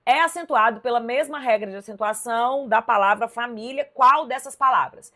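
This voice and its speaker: A Brazilian woman teaching a live online class, correcting exam questions in a lively, emphatic way and talking straight to her viewers. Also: a little high, normal speed. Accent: Brazilian Portuguese. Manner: lively, emphatic, addresses viewers directly with "ó" and "tá vendo?". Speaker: Portuguese teacher.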